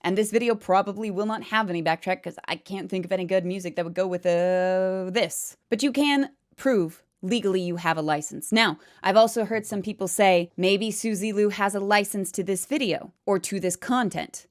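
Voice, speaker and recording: A woman's voice: medium pitch, moderate pace, hardly any pauses. A woman video commentator giving an opinion to viewers in an emphatic, explanatory manner.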